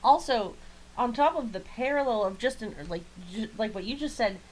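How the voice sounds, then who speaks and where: A podcast co-host chats casually while reviewing an anime, blunt and joking, with a habit of swearing. Her voice is fairly high and expressive at a moderate pace. The recording is rough, with slight background noise.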